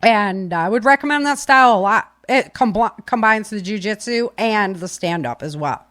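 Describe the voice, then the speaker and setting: With an expressive, medium-pitched voice and a fairly bright tone, a woman hosts a podcast at a moderate pace, rambling informally to live listeners with many fillers. The recording is dry and clean, studio-like, made on a webcam stream setup whose microphone sits back from the keyboard.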